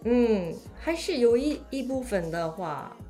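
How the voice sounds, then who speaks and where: A woman's voice: on the high side, sing-song, measured pace, mellow, soft background music. A woman from Japan with a Japanese accent, a foreigner speaking Mandarin in casual chat and hesitantly searching for words. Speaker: interview guest.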